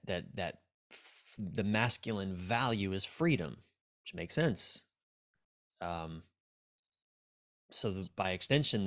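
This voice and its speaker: A fairly low-pitched, fairly bright male voice belongs to an American relationship coach in his forties, interviewed as a podcast guest. His talk is candid and relaxed, introspective and laced with profanity, and he's calling in by video from a small, dim room.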